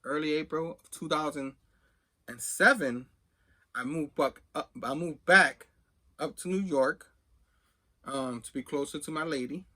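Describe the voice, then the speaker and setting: Speaking a little slowly with long pauses, this comics collecting channel host has a fairly high, bright voice and a forceful tone. The middle-aged man rambles conversationally through a personal story, casually acting out snippets of dialogue he remembers.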